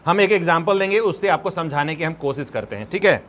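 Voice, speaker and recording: A man's voice: on the high side, lively intonation, fast, a bit bright. A man teaching a grammar lesson, patiently dictating examples word by word and asking the students questions. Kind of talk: grammar lesson, explaining step by step.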